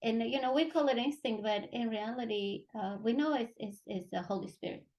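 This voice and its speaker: A woman's voice: a little high, brisk, darkish tone. A woman hosting a faith podcast, affirming her guest and adding her own thoughts. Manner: affirming, many short backchannels. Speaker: host. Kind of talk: casual faith talk.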